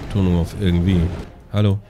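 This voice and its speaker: A man's voice: low voice, level tone, fast. A man giving casual gameplay commentary as a let's play host, chatty and sarcastic as he mutters at his teammates. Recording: game music loud behind voice.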